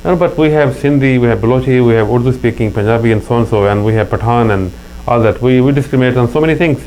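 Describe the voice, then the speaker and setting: A mid-range, slightly mellow voice belongs to a middle-aged man from Pakistan who speaks fast with a Pakistani accent. He is the guest in an informal interview, recounting anecdotes earnestly and frequently starting over. The recording is low quality, with a faint mains hum.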